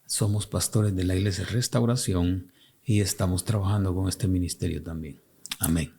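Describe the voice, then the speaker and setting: A man from El Salvador with a Salvadoran Spanish accent, a pastor speaking as a guest on a radio interview, measured and hesitant, often answering with short murmurs of agreement. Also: sits low, steady tone, vocal fry, mellow, breathy edge.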